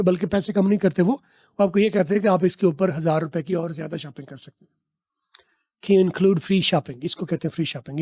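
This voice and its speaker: A man teaching spoken English in a vlog, slowly drilling each phrase and repeating words, with long chatty explanations in between. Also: high-pitched, warm tone. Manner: explains at length, chatty asides.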